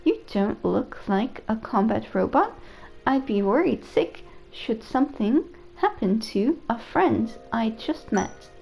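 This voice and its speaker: A woman's voice: on the high side, sing-song, slow, vocal fry, darkish tone, faint music behind, full character voice, low-quality recording. A woman reading as a fretful robot AI caretaker. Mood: earnest. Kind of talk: reading game dialogue aloud.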